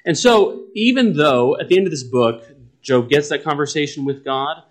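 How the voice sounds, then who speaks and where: A man's voice: fairly high pitch, lively intonation, normal speed. A man preaching a sermon, earnest and often stopping to repeat his words as he works through scripture. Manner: earnest, restarts and repeats words, dramatic paraphrase.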